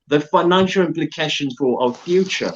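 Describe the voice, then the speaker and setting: A man's voice: fairly high pitch, moderate pace, highs cut off. A man from Zambia appearing as a guest, making an earnest, emphatic appeal and repeating his key phrases. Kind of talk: political appeal on an online talk show.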